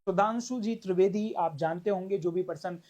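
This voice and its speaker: A man teaching an online law class, animated, acting out small dialogues and stretching key words for emphasis. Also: high-pitched, normal speed. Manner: animated, acts out little dialogues. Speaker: law lecturer for exam prep.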